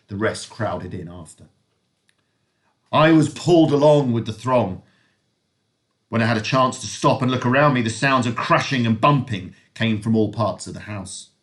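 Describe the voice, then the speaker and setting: A man reads a novel aloud for his pupils in a mid-pitched voice. His reading is expressive and lively, rising with the action of the scene, with a few small slips along the way. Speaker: teacher.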